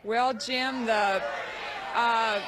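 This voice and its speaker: A woman's voice: on the high side, fairly even intonation, drawn-out words. A woman contestant on a 1970s television game show, chatty and thoughtful as she reasons out her answers. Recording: archival broadcast with loud audience and noise.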